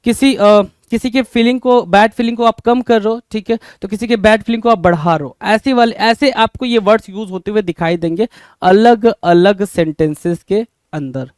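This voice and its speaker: A man's voice: high voice, moderate pace, darkish tone, clean tone, no echo. A man with an Indian accent teaching English vocabulary in Hindi, repeating each question back to his students. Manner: repeats questions to students, calls them brother.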